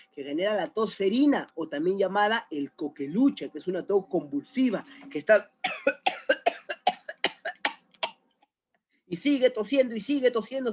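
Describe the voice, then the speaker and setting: A man's voice: high-pitched, slightly rough. A man teaching a recorded biology lesson, chatty and often checking in with the student. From Peru.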